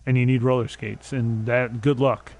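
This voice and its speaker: A man's voice: mid-range voice, little pitch movement, normal speed, darkish tone. A young man streaming a game, rambling and mocking himself, now and then breaking into silly made-up songs. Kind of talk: casual gaming stream chatter. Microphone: desk mic.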